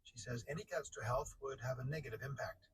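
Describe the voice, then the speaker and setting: Male newsreader, measured delivery, tinny car radio, distant and noisy. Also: medium pitch. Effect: tinny radio playing in a car. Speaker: radio news anchor. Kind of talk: scripted news bulletin. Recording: distant radio with background noise.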